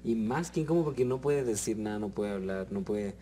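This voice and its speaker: A man's voice: lowish voice, expressive, a little fast, warm tone, soft background music. A young man with a Mexican accent, a reality show contestant talking things over earnestly with his housemates in casual chat. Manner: earnest, explains at length with restarts.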